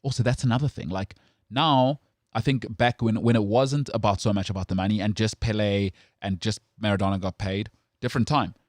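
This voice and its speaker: A man's voice: lowish voice, fairly even intonation, a little fast, few pauses, dry recording. South african guy ranting about sport on a talk show, emphatic, stumbles and restarts, dry close mic. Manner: opinionated, emphatic, stammers on restarts. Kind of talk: casual sports chat.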